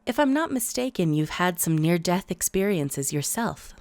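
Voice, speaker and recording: A woman playing a polished TV interviewer with an expressive, rising-and-falling voice. She stays polite while her patience wears thin. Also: lowish voice, normal speed, dry recording. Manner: polite, increasingly exasperated. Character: professional TV interviewer.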